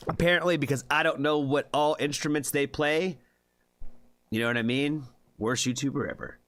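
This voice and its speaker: A man running a music reaction livestream chats casually and loosely, swearing freely, filling his talk with fillers and tagging on "you know what I mean?" His fairly high, slightly bright voice stays fairly even in intonation at a normal speed, on a dry recording.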